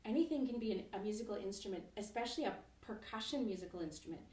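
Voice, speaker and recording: A woman music teacher leading a children's lesson at home, speaking gently and encouragingly and singing slow, simple verses. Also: mid-range voice, expressive. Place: home, kitchen nearby. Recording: roomy echo from a distance.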